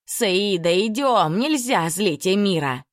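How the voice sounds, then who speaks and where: A woman's voice: mid-range voice, expressive, slow pace, dry recording, clean studio sound. A woman reading the lines of an anxious female servant who speaks in broken, pleading phrases. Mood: urgent.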